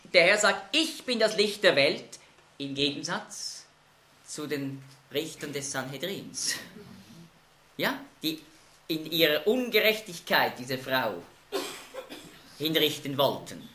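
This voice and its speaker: Bible teacher, male, lively bright voice, echoey room. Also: on the high side. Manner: emphatic, explanatory, asks group questions.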